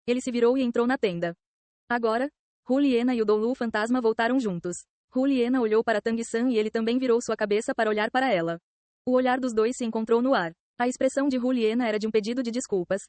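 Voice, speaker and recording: A woman with a Brazilian Portuguese accent narrating a novel in a steady, even reading. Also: on the high side, no echo. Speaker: audiobook narrator.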